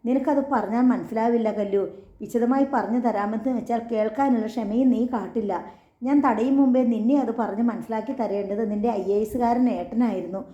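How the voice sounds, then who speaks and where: A woman's voice: fairly high pitch, a little fast, mellow, natural voice. Woman reading as a stern, curt husband. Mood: scolding. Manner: curt, lecturing. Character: stern young husband and father, cold. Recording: echoey, slightly dull recording.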